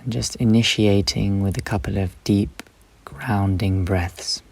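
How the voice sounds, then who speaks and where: Guiding listeners through a meditation, a man speaks in a low, gravelly, husky voice with a steady tone and barely any melodic variation. He gives gentle instructions one step at a time, in short, unhurried phrases with long pauses between them.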